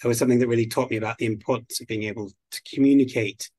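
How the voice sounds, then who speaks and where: A man from the United Kingdom being interviewed as a guest on a podcast, speaking in a measured, articulate way. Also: mid-range voice, fairly even intonation, warm tone, no echo. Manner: measured, articulate, slow and deliberate. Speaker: guest expert on biodiversity.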